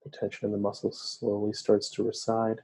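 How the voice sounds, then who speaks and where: A man guiding a breathing meditation, giving slow, soft, soothing instructions. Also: on the low side, monotone, breathy edge. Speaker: meditation guide.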